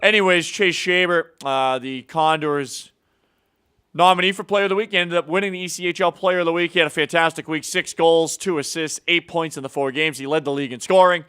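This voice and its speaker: A man's voice: fairly high pitch, steady tone, fast, few pauses, pushed and bright, clear, resonant tone. A man hosting a casual hockey news segment, upbeat and teasing his co-host, with plenty of filler words. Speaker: show host. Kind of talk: casual sports news chat.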